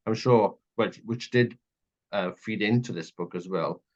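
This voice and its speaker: A radio interviewer with a Welsh accent talks at length and emphatically through a conversational political interview, his sentences heaped with clauses. He's unhurried, his voice on the low side, and the recording sounds muffled and lo-fi.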